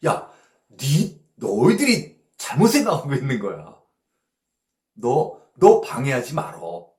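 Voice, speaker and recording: A man's voice: mid-range voice, wildly swooping pitch, slow, a little mellow, roomy sound. A man voicing a blunt, rebuking teacher. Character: adult male teacher firmly telling followers to step aside.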